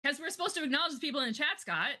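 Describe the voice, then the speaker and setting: A woman with a high, bright, lively voice, co-hosting a loose podcast chat. She bosses her friends around, swears freely and laughs a lot. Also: racing. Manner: bossy teasing, swears a lot, laughs often. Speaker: podcast co-host. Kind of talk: casual chat.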